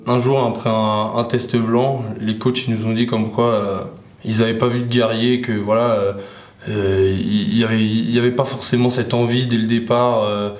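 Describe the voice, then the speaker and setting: A man's voice: mid-range voice, level tone, normal speed, a little mellow. Hesitant young man, echoey room. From Paris region. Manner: hesitant, many restarts and fillers. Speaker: ski instructor trainee. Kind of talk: documentary interview. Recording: echoey room with faint noise.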